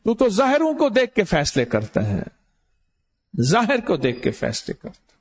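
Man, preacher, storytelling sermon, emphatic repetition, high voice. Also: wildly swooping pitch. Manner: emphatic, repeats phrases for stress.

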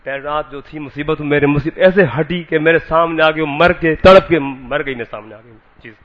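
A man recounts his dreams haltingly, looping back over the same words and restarting phrases. His voice sits a little high for a man. The sound is thin and tinny, like a radio or phone line. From Sindh, Pakistan. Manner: repetitive, stumbling, restarts phrases. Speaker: visitor telling his dreams. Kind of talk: halting personal testimony.

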